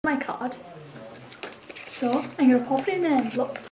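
A woman's voice: high voice, normal speed, mellow, dull audio. A young adult woman with a South Wales Valleys accent, presenting an amateur explainer video. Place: small computer room, living room and shopping streets. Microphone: camcorder microphone a few feet away. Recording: roomy echo with clear background noise.

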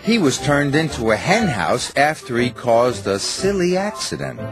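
A man narrating a children's cartoon in a slow, expressive storytelling way. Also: mid-range voice, music in the background.

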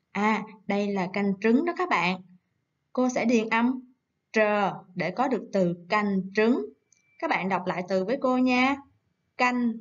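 Woman teacher talking to little kids, soft and coaxing, kinda dull lo-fi recording. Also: on the high side. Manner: gentle, coaxing, slow syllable-by-syllable dictation. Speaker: primary school teacher. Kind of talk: recorded online lesson for young children.

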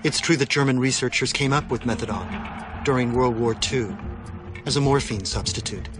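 A man giving scripted documentary narration in a measured, explanatory way. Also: mid-range voice. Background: music.

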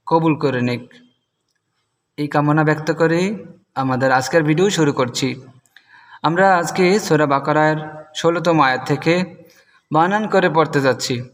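A man with a Bangladeshi Bengali accent teaching Quranic recitation, spelling words out letter by letter and chanting the verses slowly. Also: a bit bright, big-room sound. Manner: slow and deliberate, chanting the verses higher and drawn out. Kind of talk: spelling out Quranic Arabic word by word.

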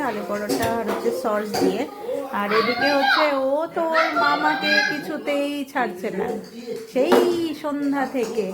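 A woman's voice: fairly high pitch, very noisy. A young woman in casual vlog narration at home, chatty and talking to her son in doting baby talk. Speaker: family vlogger. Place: family home.

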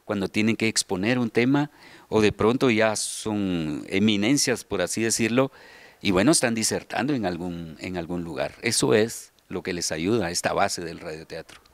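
This middle-aged man, who has a Guatemalan accent and a fairly low voice, frequently pauses to search for words while explaining things in an interview. As a children's radio theater subdirector and voice announcer, he talks into a handheld mic in a large indoor hall before a seated group, with no echo.

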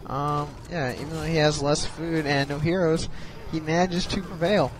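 Brief: slightly high-voiced man, drowsy, halting replay commentator. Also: fairly even intonation, noisy background. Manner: hesitant, many ums and restarts. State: sleepy, yawning. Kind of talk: casual strategy game replay commentary.

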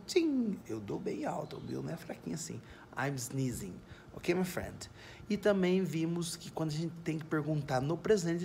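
A Brazilian man giving a casual, playful video lesson in English from his backyard. He says the English examples slowly and clearly. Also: fairly high pitch, a little mellow, slight background noise. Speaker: English teacher. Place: home backyard, outdoors.

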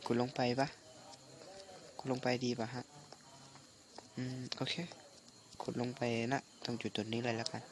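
A man hosts casual gameplay at a slow pace, muttering and pausing as he goes. His mid-pitched voice sounds phlegmy from a recent flu. The recording has clear noise and clicks behind him. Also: little pitch movement. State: recovering from flu, phlegmy with coughs. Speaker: gaming channel host.

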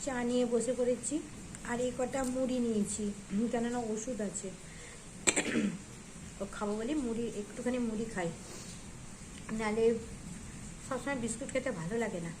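A woman's voice: on the high side, moderate pace, long pauses. A middle-aged woman chatting casually in a home vlog, narrating her cooking and her day. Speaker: vlogger. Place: home kitchen. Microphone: handheld phone. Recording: echoey room with faint ambient noise.

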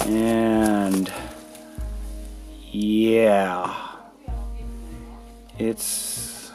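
A man vlogging as he explores cluttered rooms of an empty house and inspects an old computer, talking in a casual, curious, upbeat way, thinking aloud. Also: medium pitch. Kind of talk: casual handheld vlog narration. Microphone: handheld camera mic.

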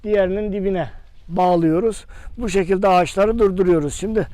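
High-voiced mellow man presenting outdoors. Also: brisk, no room sound. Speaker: host and orchard adviser. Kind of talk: casual field presentation and interviewing. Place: outdoors in a walnut orchard. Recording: faint outdoor background noise.

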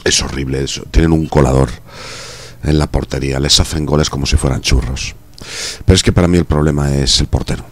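A man's voice: extremely low pitch, fairly even intonation, a little fast. A man with a Spain Spanish accent, chatting and joking casually while gaming on a stream. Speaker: streamer and host.

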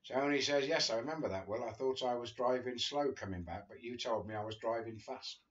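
Speaking a little fast at medium pitch, an older man reads his friend's memoir to camera from his living room sofa. The reading is chatty and casual, with chuckling asides between passages, and the audio is dull.

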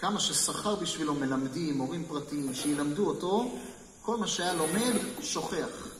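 A man, a rabbi, telling stories in a Torah class and asking the listeners questions as he goes. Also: a little high. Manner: lively storyteller, talks with listeners and asks them questions. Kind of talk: storytelling Torah lesson to a live group. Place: hall with a small live audience. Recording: echoey hall, mic far off, faint noise.

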